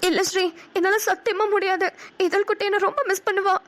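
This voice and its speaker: A woman's voice: very high-pitched, little pitch movement, fairly quick, a bit bright. A woman voicing an anxious, heartbroken young mother in a cartoon, crying and pleading. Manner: tearful, pleading.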